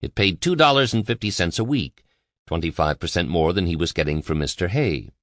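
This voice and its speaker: A man reading a biography aloud as an audiobook narrator, in a measured, even delivery. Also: sits low, no room sound, studio quality.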